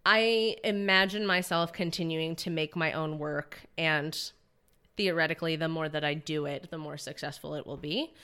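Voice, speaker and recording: In a casual podcast interview, a woman in her twenties discusses her acting career earnestly but loosely, full of "likes" and false starts. Her voice is low and clean with a sharp edge, fairly even in intonation and moderate in pace.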